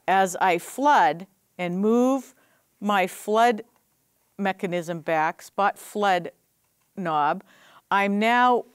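A woman's voice: medium pitch, clean tone, no room sound. A middle-aged woman teaching film lighting, explaining practically as she operates the gear on a studio stage. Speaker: film instructor. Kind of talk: hands-on equipment demonstration.

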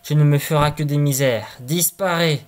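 A man's voice: on the high side, normal speed, lightly acted. A man reading a fairy tale aloud, voicing an exasperated peasant father who scolds his son. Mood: scolding.

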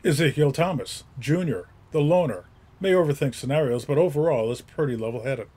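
A man giving scripted narration, crisply introducing each character in a list-like way. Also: on the high side, animated, a little fast, a little mellow.

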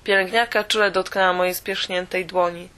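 A woman reading a first-person audiobook in a steady, measured way. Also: fairly low pitch. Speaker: audiobook reader.

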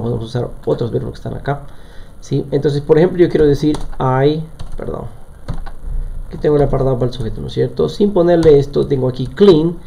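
A man's voice: mid-range voice, gravelly, mellow. A man teaching a live online language lesson, explaining step by step and often checking in with his students. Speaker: English teacher.

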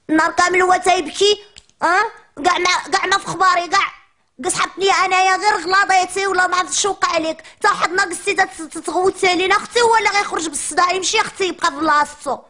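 A woman's voice: very high-pitched, steady tone, rapid-fire, sharp tone. A woman with a Moroccan accent playing a chatty, cheeky little preschool girl in a comic monologue, complaining in a whiny childish chatter.

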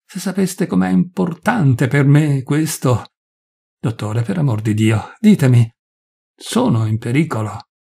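A dying young noblewoman pleads in a breathless, fevered voice, as a male reader puts her on. His tone stays dark and a little husky. She begs with urgent, clinging intensity. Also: medium pitch, expressive, measured pace, exaggerated voice. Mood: pleading.

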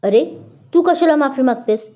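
A bubbly, excitable college girl, read by a woman storyteller, talking fast and bright in a storybook telling. The voice is fairly high, with a mellow tone. It comes through a dull lo-fi recording. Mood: lively. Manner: lively, excitable.

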